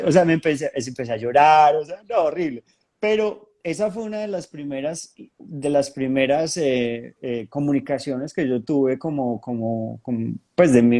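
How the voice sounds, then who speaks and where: A man giving a talk at a spiritist centre, telling his experiences as a hypnotherapist in a lively, storytelling way with frequent restarts. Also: a little high. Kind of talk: testimonial talk to an audience.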